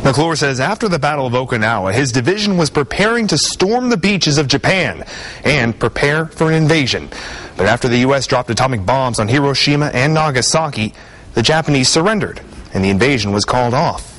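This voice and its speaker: An American man narrating a scripted television news report with a dramatic, deliberate storytelling delivery. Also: mid-range voice, animated, fairly bright tone.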